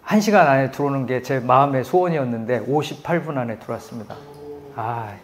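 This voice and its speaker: A middle-aged man preaching a sermon, telling stories with animated, loud quoted voices. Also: medium pitch, fast talker, faint music behind. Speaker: pastor.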